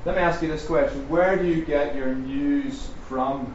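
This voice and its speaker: Pitched on the high side with fairly even intonation, a middle-aged man from Northern Ireland speaks at a faith and culture seminar. He keeps it fast and jokey for the live audience, with plenty of ums and questions to them. The large echoey room gives a distant, dull, roomy recording with faint hiss.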